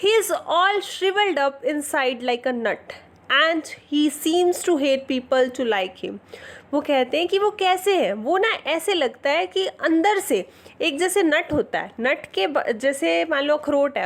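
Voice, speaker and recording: A woman teacher explaining a play line by line with a high voice. She talks patiently and moves freely between Hindi and English.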